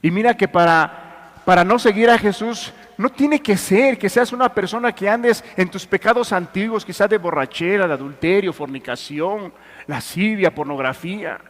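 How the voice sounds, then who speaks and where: Male preacher, high voice, hushed-to-forceful sermon delivery, long church reverb. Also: moderate pace. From Mexico. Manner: swings between hushed and forceful preaching, addresses listeners directly. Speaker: pastor.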